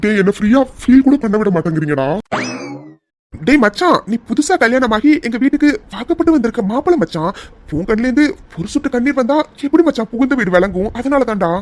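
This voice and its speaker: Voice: mid-range voice, lively intonation, quick pace, voice pushed up, lightly acted. Someone voicing a cheeky, teasing young man. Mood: mocking. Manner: teasing, bossy, calls his friend machan. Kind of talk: cartoon voice acting.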